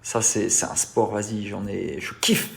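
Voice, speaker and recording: A man's voice: on the low side, steady tone, a little slow, gravelly, a bit bright. A man talking casually to his followers, boastful and repetitive, challenging his critics to a fight. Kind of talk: casual vlog talk.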